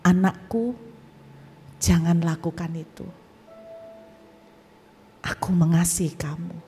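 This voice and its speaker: A woman voicing a calm, loving male divine voice that speaks low and slowly in a hush. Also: husky, long reverb tail, exaggerated voice. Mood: tender.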